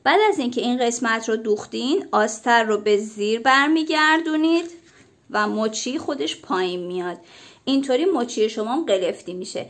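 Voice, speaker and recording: A woman's voice: fairly high pitch, a bit bright. A woman with a cold, chatting to viewers as she explains a sewing pattern step by step. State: has a cold. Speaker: sewing instructor. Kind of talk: casual tutorial.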